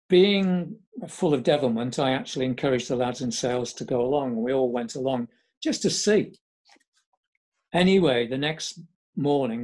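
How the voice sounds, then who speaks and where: A man's voice: mid-range voice, darkish tone. An older man telling a memoir story in a chatty, wry way.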